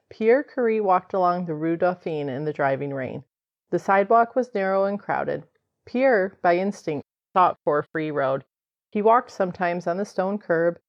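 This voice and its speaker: As narrator of an old time radio show, a woman reads scripted dramatic narration in a voice on the low side, close to how she'd normally speak. The sound is dull and lo-fi.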